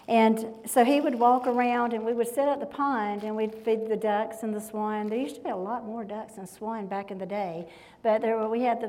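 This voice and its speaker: A woman in her fifties gives a devotional talk in a fairly high voice. She chats easily, spinning homey stories and asking the crowd questions as she goes. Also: a little mellow, rough recording. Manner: folksy, chatty storytelling addressing the audience directly. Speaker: guest speaker.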